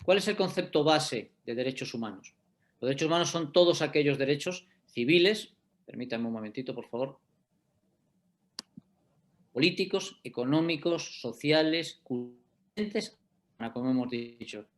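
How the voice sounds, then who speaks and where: A man's voice: mid-range voice, expressive, normal speed, long pauses. A middle-aged man giving a law lecture in an online class, explaining step by step and often checking that listeners follow. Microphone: video call.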